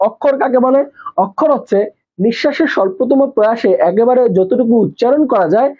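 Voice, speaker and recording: A man's voice: very high voice, a little fast, dark tone, highs cut off. A man teaching a live online exam-prep class, repeating key points and asking questions that he answers himself. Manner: repetitive, asks questions and answers them himself.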